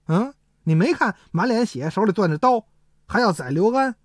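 A woman voicing a dismissive royal prince who scolds in a lowered tone. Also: expressive, normal speed, no echo, studio quality, natural voice.

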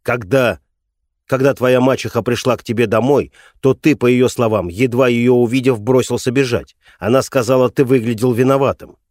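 A man's voice: mid-range voice, fairly even intonation, moderate pace, darkish tone, dry recording, studio quality, lightly acted. A man voicing a troubled middle-aged father who questions his son hesitantly and carefully in an audiobook.

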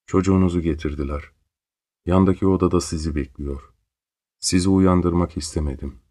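A kindly old priest, gentle and unhurried, as a male reader voices him. His voice sits deep and low, with a soft, measured delivery. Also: steady tone, no echo, studio quality, lightly acted.

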